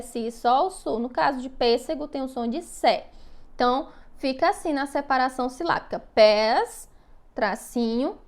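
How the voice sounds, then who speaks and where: A woman teacher giving a recorded lesson to young children, speaking patiently, stretching out syllables and often checking in with her listeners. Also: sits high. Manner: slow, patient, drawn-out syllables with frequent check-in questions.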